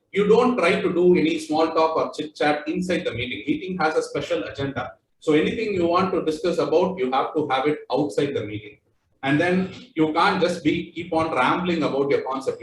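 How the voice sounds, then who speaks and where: A man's voice: on the high side, slight background noise. Indian-accented man teaching in echoey room. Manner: loose, repetitive phrasing with many fillers. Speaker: corporate trainer. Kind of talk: workplace training talk. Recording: echoey room, voice far from mic.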